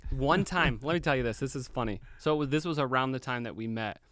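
A young man telling a story in casual chat, animated and swearing freely. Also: medium pitch, fast talker, no echo, studio quality. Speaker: podcast guest.

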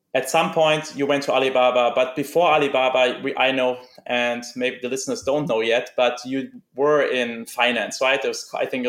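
A man hosting a personal finance podcast, interviewing a guest with frequent ums and uhs. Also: medium pitch. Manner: hesitant, many fillers. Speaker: podcast host.

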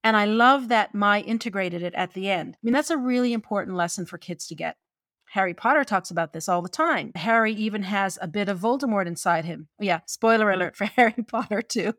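A woman from gives conversational opinion commentary on film, expressive and opinionated, with wry asides. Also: mid-range voice, fairly quick, no room sound, studio quality. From Newfoundland, Canada.

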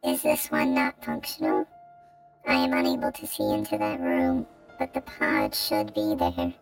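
A hushed robotic spaceship computer, voiced by a woman, giving urgent instructions in a very deep, gravelly register. Her voice carries a synthetic machine filter. Loud music plays under her in this spoken horror story. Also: measured pace, full character voice. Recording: loud music bed behind.

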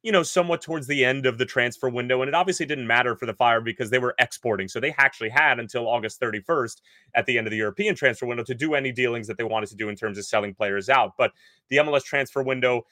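A man co-hosting a casual sports podcast, recording from inside a clothes closet at home and breaking down the news with quick energy. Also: medium pitch, pushed and bright, no echo. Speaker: podcast co-host. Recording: dry, deadened closet sound.

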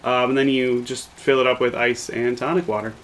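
An easygoing man talks loosely in casual conversation, dropping in ums as he goes. His voice sits at an ordinary pitch. Faint background noise runs under him. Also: flat delivery, brisk, a bit bright, low-quality recording. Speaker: podcast co-host. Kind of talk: casual chat.

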